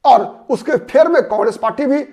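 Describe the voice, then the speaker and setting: A man's voice: very high-pitched, a little fast, vocal fry, warm tone. Man giving analytical political commentary. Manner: analytical, poses rhetorical questions and answers them; repeats names and key words for emphasis. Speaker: political commentator and channel host. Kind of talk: solo political commentary to camera.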